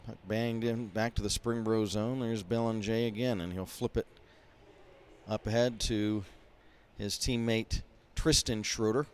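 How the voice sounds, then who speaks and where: A man's voice: fairly low pitch, steady tone, unhurried, smooth. Folksy hockey play-by-play man. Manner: folksy, rambling asides with many fillers. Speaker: play-by-play announcer. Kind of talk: amateur hockey play-by-play commentary. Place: behind glass in a rink mezzanine.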